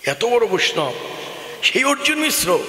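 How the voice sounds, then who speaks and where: A high-pitched man with a bright, ringing voice preaches a devotional sermon. His telling is emphatic and sing-song, swelling and dropping as he goes. The sound carries a long echo, as if it were booming through a loudspeaker across a big hall. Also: very animated, unhurried. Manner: emphatic, sing-song, rising and falling delivery. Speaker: kirtan preacher. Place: open-air gathering with loudspeakers. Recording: echoey hall from a PA system.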